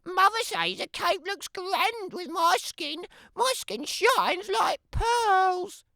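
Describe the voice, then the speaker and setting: A woman's voice: extremely high pitch, takes it slowly, creaky, bright, forceful tone, no room sound, studio quality, voice pushed up, exaggerated voice. A woman voicing a vain, prissy little girl in a storybook, boasting and admiring herself in a sing-song manner. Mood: vain, preening.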